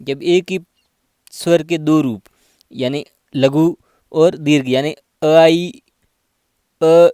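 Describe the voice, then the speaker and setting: A man's voice: on the high side, fairly even intonation, drawn-out words, long pauses, warm tone, clean tone, no echo, studio quality. A man teaching a grammar lesson, patiently spelling out examples one by one.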